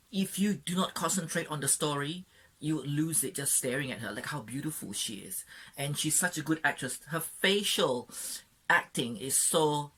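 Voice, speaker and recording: A young woman reviewing a film in a casual vlog, gushing with excitement, often giggling and saying sorry. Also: sits low, breathy edge. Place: Sydney, Australia.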